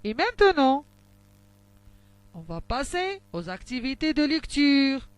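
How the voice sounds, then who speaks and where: A woman teaching young children to read, speaking slowly and articulating each sound with care. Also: high-pitched, big pitch swings, no echo. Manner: slow, carefully articulated, syllable by syllable. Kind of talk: slow phonics lesson for young children.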